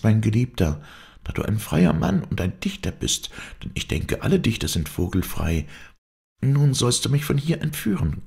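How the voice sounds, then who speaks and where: A man's voice: lowish voice, creaky, a little mellow, pitched above the performer's own voice, full character voice. A man voicing a spirited young woman circus rider in an audiobook, talking in an urgent, playful rush. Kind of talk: audiobook character voice.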